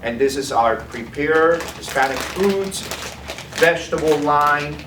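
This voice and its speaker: An animated, unhurried man with a fairly high voice gives a live sales demo in a food trade demo room, often finishing with "okay?". The room is echoey, the mic distant, and the recording noisy.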